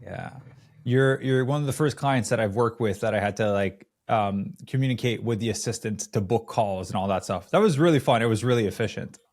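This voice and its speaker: Upbeat low-voiced male podcast host. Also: a little fast, darkish tone. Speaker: podcast host and fitness coach. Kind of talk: casual interview hosting.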